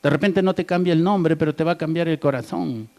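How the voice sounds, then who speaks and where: A man's voice: fairly high pitch, fairly quick, vocal fry, darkish tone. A male pastor preaching a sermon, asking the congregation questions and tagging his points with "right?" and "amen". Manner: asks the congregation rhetorical questions, tags "¿verdad?" and "amén".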